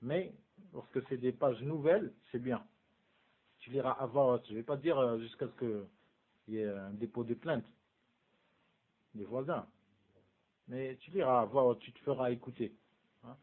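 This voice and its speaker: A man's voice: medium pitch, unhurried, long pauses. A man giving a casual religious lesson, asking his students rhetorical questions and mixing in Arabic terms. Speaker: Islamic studies teacher. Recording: phone-like narrow band.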